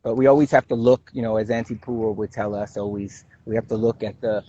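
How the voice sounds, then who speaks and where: Halting Brooklyn man on a lo-fi stream. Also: lowish voice, fairly even intonation, dark tone, no echo. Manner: halting, many fillers and restarts, laughs easily. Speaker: guest. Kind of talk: casual livestream chat.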